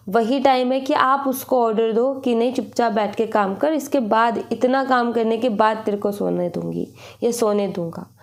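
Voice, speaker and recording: A young woman with a fairly high voice gives a casual tarot reading. She talks in an instructive, advising way, repeats her points for emphasis and drops English words in as she goes. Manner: repetitive, instructive, mixes English words into Hindi. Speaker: tarot reader.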